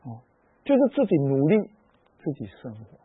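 Brief: middle-aged Malaysian Mandarin-accented male preacher, high and lively storyteller, tinny phone-like audio. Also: normal speed, husky, no room sound. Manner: animated storytelling with frequent particles. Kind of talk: sermon-style personal story.

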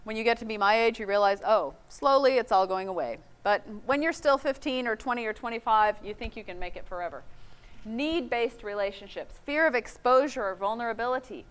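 Middle-aged woman, sermon, earnest teaching, slightly high voice. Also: animated, clear, resonant tone. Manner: earnest, quotes scripture, acts out quick asides. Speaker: Bible teacher. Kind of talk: sermon talk.

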